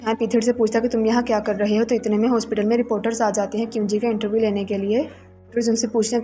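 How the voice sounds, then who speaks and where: A woman narrating an episode recap of a drama, reading the characters' lines herself in an even, plain voice. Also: a little high. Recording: faint music behind voice.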